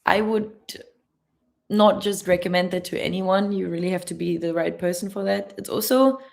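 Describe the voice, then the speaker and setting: A woman's voice: fairly low pitch, moderate pace, gravelly. A young woman with a German accent, a travel vlogger answering chat questions on a live stream in a chatty, laughing, careful way.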